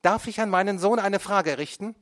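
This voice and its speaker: A man reading an audiobook, voicing a shrill, hysterical mother accusing her son in court. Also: normal speed, a bit bright. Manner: screeching, accusing, ever more hysterical.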